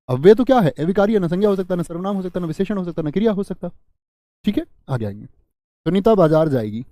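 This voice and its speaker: Man, Hindi teacher, live online class, mellow higher voice, dry close sound, slow repeated key phrases. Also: no room sound. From India. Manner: repeats key phrases slowly, quizzes viewers, reads chat.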